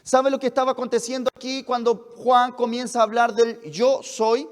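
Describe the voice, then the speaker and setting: A man preaching a fervent sermon as a pastor, asking rhetorical questions and pressing toward shouts. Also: very high voice, level tone, moderate pace. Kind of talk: sermon at a leaders' retreat. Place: retreat hall. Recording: long hall reverb.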